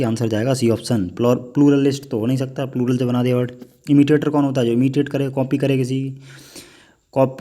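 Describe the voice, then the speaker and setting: A man's voice: medium pitch, mellow. A male coaching teacher going through an exam paper, asking the viewer questions over and over and calling them "my brother". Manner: mixes Hindi explanation with read-out English. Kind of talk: exam paper walkthrough lesson.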